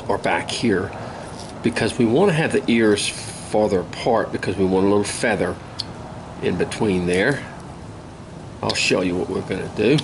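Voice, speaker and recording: Steady outdoor noise surrounds an older man whose fairly low voice is hoarse from a cold as he walks through a woodcarving demonstration. This instructor speaks in a relaxed, folksy way, taking his time and pausing often.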